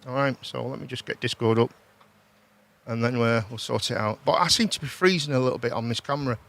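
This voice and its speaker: A man's voice: mid-range voice, fast, creaky, a bit bright. A British man hosting a casual livestream, chatting informally, repeating himself and often ending on tag questions. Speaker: host.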